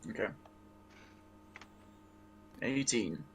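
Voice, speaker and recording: A man plays a tabletop game and talks casually. His voice is of middling pitch. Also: lively intonation, drawn-out words. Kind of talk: casual chat.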